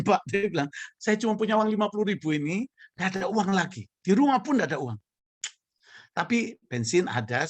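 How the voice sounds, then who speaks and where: Man, pastor, sermon storytelling, voice rising high when excited, dry sound. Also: slightly rough, no room sound. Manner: animated, acts out dialogue, laughs often.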